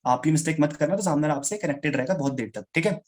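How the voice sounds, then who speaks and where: Video call पर live sales training देता एक आदमी, जो श्रोताओं को "गाइस" और "भाई" कहकर बातचीत के अंदाज़ में समझाता है।. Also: male voice, a little high, a little mellow. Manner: fast, chatty, addresses listeners as guys and brother. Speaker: sales trainer. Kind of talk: live online sales training. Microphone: video call.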